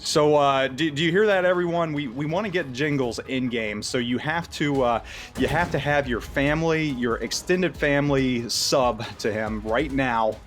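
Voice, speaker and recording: A man's voice: medium pitch, moderate pace, fairly bright tone, faint music behind. A man from the United States hosting a casual interview, upbeat, laughing often and stammering a little. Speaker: interviewer, YouTuber.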